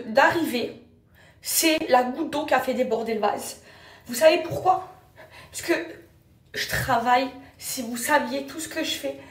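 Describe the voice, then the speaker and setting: An irritated woman venting to her followers in a casual vlog, emphatic and repeating words and oaths for force, speaking into a phone held close. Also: high voice. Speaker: social media personality.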